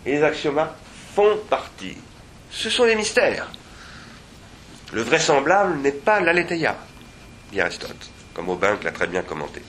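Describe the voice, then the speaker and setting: A man speaking at an academic seminar, digressive and reflective, pausing often and restarting his sentences. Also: fairly high pitch, sing-song, fairly bright tone, a little hiss or hum.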